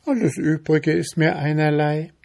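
A man voicing a tiny, calm male chanterelle mushroom in a storybook reading, with a squeaky little voice and a friendly, unbothered manner. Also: normal speed, creaky.

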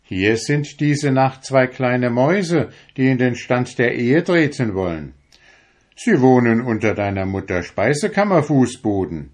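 A man's voice: mid-range voice, big pitch swings, unhurried, darkish tone, pitched above the performer's own voice. A man voicing a kindly, magical Sandman in a storybook reading, in a friendly, reassuring voice.

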